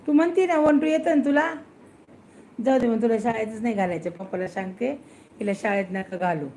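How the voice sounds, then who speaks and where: Woman with a high voice bossing kids around at home, coaxing and teasing, faint hiss on a phone recording. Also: fairly quick, dark tone. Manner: coaxing, bossy, playfully scolding. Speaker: family member teaching children. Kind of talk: casual home video.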